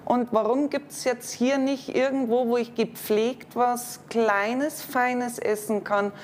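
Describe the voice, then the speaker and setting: A woman's voice: a little high, fairly even intonation, takes it slowly, a little hiss or hum. A woman in her forties who owns a café, speaking earnestly and candidly to camera at her counter. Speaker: café owner. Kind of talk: interview to camera. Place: café counter with espresso machine, indoors.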